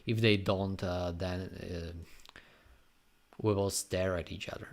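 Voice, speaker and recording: A man from Slovakia with a Slovak accent, chatting casually on a live stream and answering viewers' questions in a rambling, unhurried way. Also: low-pitched, fairly even intonation. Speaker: graffiti artist live streamer.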